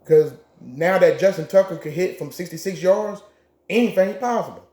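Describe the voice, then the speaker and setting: A man's voice: high-pitched, normal speed, darkish tone. A man co-hosting a casual sports chat, giving blunt picks with profane trash talk. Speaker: co-host making game picks. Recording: echoey room.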